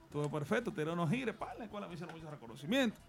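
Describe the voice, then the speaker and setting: On the high side and animated, this man's voice races along over soft background music. A radio studio guest from the Dominican Republic with a Dominican accent, he tells his life story earnestly and offers advice.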